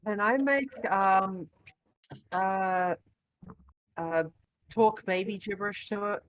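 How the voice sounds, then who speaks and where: Hesitant playful player, dull mic. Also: male voice, sits high, slow pace, a bit bright. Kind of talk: casual chat during a tabletop game.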